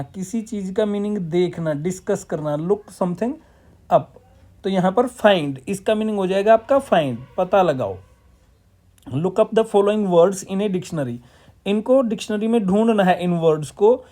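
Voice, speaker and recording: A man's voice: high-pitched, warm tone. Male teacher explaining a lesson. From Punjab, India. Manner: asks and answers his own questions, mixes English terms into Hindi. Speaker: English teacher. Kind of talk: classroom-style lesson explanation.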